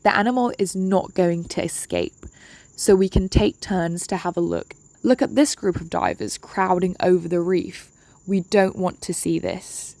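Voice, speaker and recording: A woman presents a safety briefing in a relaxed, mellow voice with noticeable creak. Her instructions are polite, firm and laid out step by step. The sound is dry and close, like narration for a training video. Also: on the low side, a little slow, dry recording.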